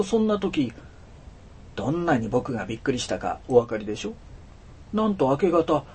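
A man narrating a storybook in an expressive, dramatic storytelling manner with a husky voice. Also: medium pitch, a little hiss or hum. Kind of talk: storybook reading.

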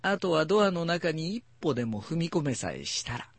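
A man's voice: fairly high pitch, normal speed, no room sound. Man reading a storybook aloud. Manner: warm, expressive reading. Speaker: host of a book reading program.

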